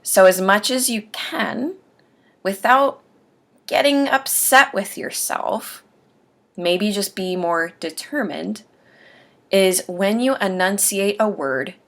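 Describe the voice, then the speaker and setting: A woman vlogger with a slight lisp giving denture aftercare advice, speaking slowly and over-enunciating her words in a casual video diary. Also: mid-range voice, fairly bright tone. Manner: deliberate, over-enunciated speech. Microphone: webcam or camera mic while watching herself on screen.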